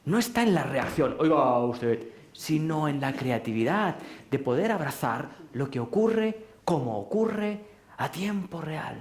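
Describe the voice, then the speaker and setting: A man giving a live talk to an audience in a large hall, speaking in a questioning, rhetorical way and gently teasing his listeners. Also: on the high side, sing-song, measured pace. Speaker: speaker at a public lecture. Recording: roomy hall echo.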